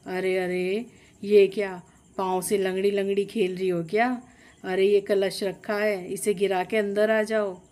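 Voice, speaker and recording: A woman's voice: medium pitch, a little slow, warm tone, natural voice. A woman voicing a strict, traditional older mother-in-law who scolds and gives orders in a storybook tale. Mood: angry. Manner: scolding, commanding.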